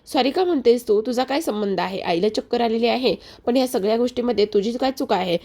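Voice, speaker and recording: A woman's voice: fairly high pitch, expressive, brisk, mellow, voice pushed up. A woman voicing a protective young husband who asks earnest, pleading questions. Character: young husband defending his wife, protective.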